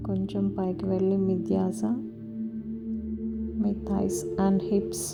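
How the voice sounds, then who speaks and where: A woman slowly and softly guiding a body-scan meditation, with long pauses. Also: medium pitch, monotone, creaky. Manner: slow, soft and soothing, with long pauses. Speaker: meditation guide. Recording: slightly dull audio with music behind. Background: soft music and a singing bowl.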